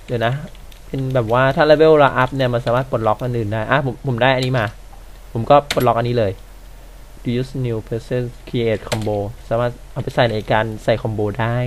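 With slight noise in the background, a man of medium pitch narrates his video game session as a let's play, reacting out loud and swearing at the on-screen action.

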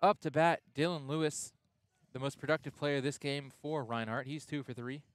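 A young man calling a college baseball game play-by-play, chatty and loose, getting excited on big plays, with the hiccups. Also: on the high side, normal speed, no echo. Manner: conversational, excited on big plays, self-correcting. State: has the hiccups. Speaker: play-by-play announcer.

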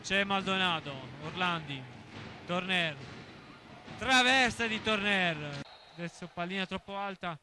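High-voiced, unhurried male match commentator. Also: lively intonation, bright, forceful tone. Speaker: sports commentator. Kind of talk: live play-by-play commentary. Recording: noisy sports hall live recording.

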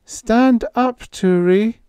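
A man voicing a frightened young girl who calls out in a high, quavering, pleading voice. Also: extremely slow, mellow, clean tone, no room sound.

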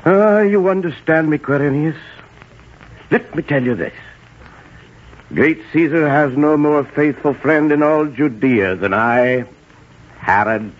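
A man's voice: a little high, slow, pauses often. An actor playing a paranoid, cruel, scheming king in a theatrical, confiding manner of 1940s radio drama. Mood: sly, grandiose. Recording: muffled 1940s radio broadcast recording.

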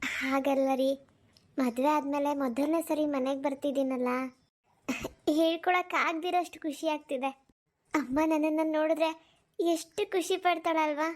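A woman doing a gentle young bride. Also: high voice, fairly even intonation, moderate pace, long pauses, lightly acted. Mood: wistful. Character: young newly married daughter, gentle.

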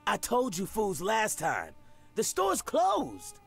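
An actor playing a paranoid, irritable store owner in a comedy video game, agitated and exasperated. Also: male voice, high voice, huge pitch swings, slow, gravelly, slightly rough, exaggerated voice. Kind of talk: animated comedy adventure game dialogue. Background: music.

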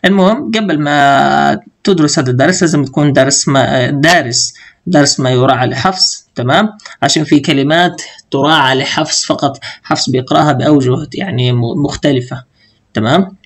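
Man teaching recitation, chanting examples slowly. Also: fairly high pitch, vocal fry. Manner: explains in colloquial speech, slowly chants quoted verses. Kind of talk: tajweed lesson explanation.

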